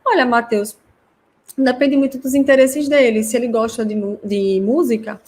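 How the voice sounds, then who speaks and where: A woman's voice: fairly high pitch, steady tone, moderate pace, darkish tone. A woman hosting a live online class for parents, chatty and explanatory as she answers viewer comments. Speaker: host teaching parents.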